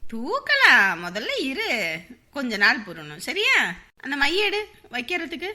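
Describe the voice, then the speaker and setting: A woman's voice: high-pitched, huge pitch swings, a little slow, pushed and bright, heavily acted. An actress playing a caring young mother who talks in an affectionate, soothing way. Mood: tender. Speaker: young mother in a family drama.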